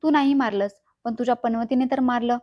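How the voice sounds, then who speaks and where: A cold, scornful older mother-in-law, read by a woman narrating a story, scolding and brushing off every plea. The voice sits fairly high, and the sound is dry with no room echo. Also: a little fast, lo-fi sound, close to an everyday voice. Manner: scolding and dismissive.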